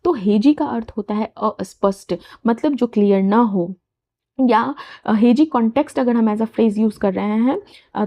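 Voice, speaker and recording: A woman teaching English newspaper vocabulary, saying English phrases slowly and explaining them in quick everyday speech, often checking that listeners follow. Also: fairly high pitch, muffled recording. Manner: checks understanding with frequent "theek hai". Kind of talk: bilingual vocabulary lesson.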